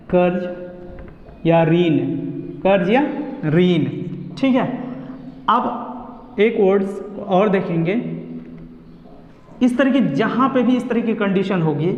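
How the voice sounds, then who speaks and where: A man with a high voice gives an online pronunciation lesson, going over each rule slowly and repeating it. The sound is dull and lo-fi. It rings with a long echo, as if he is in a big bare room. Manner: slow and repetitive, explaining step by step. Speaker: English teacher.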